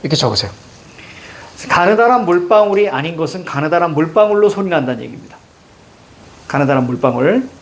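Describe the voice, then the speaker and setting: A middle-aged man with a Seoul accent teaching a Korean language lesson, animated and joking with students, repeating cue words. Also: a little high. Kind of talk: lively classroom lecture.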